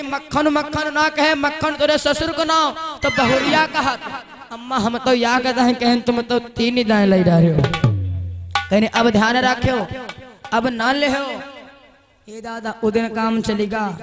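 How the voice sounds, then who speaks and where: A man's voice: very high voice, fairly even intonation, a little slow. A man telling a folk tale, speaking to listeners and breaking into repeated sung refrains. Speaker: kathavachak storyteller. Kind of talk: sung and spoken folk storytelling. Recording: tabla and music behind. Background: music with tabla.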